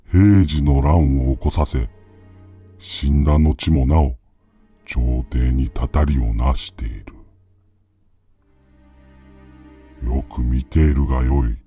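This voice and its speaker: A man voicing the proud, menacing ghost of an emperor in a husky, hushed, eerie ghost story. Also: steady tone, slow, soft background music, exaggerated voice. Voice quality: very deep, husky, breathy.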